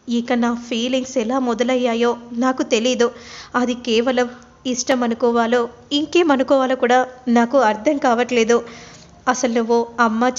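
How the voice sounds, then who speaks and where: A woman's voice: on the high side, lightly acted. A woman voicing an earnest, lovesick young man who keeps pleading for an answer, in a retold serial story. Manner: pleading, insistent. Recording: dull lo-fi recording.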